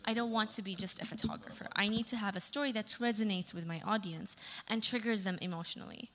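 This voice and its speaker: Woman, young adult, presentation talk, chatty, fillers and restarts, medium pitch, long hall reverb. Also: fairly even intonation, fast talker, a bit bright. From Saudi Arabia. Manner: chatty, with fillers and self-corrections. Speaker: photographer giving a talk.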